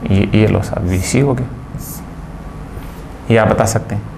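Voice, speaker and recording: A man's voice: fairly low pitch, measured pace, vocal fry, darkish tone, a little hiss or hum. A man from India teaching a phonetics lesson, explaining patiently and spelling out words sound by sound. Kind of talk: phonetics lecture.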